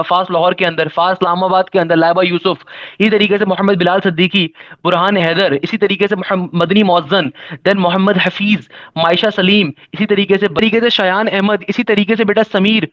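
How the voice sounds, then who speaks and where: Male test-prep teacher, upbeat and brisk, raised pitch, muffled recording. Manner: upbeat, lists students rapidly with fillers. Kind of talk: video guidance lesson.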